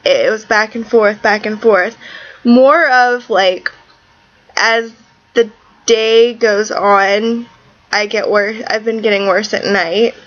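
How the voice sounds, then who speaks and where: A woman's voice: mid-range voice, steady tone, takes it slowly, highs cut off. A woman recovering from tonsil surgery with a sore throat, talking bluntly and with exasperation in a casual video diary. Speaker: vlogger.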